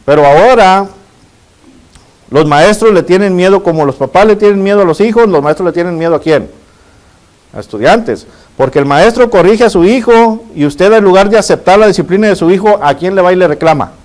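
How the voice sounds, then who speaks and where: A man's voice: high-pitched, lively intonation, a little fast, a little mellow. A middle-aged man, preaching a sermon and asking his congregation rhetorical questions. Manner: addresses the congregation as brothers and asks rhetorical questions. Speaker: pastor.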